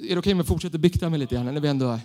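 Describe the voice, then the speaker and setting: Male preacher, fairly high voice, lively self-mocking storytelling sermon.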